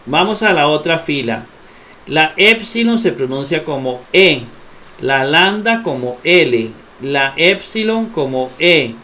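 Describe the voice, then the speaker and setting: Slow, patient male grammar teacher. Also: fairly high pitch, sharp tone. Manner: slow, patient, repeats each point and addresses the viewer directly. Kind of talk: recorded online lesson.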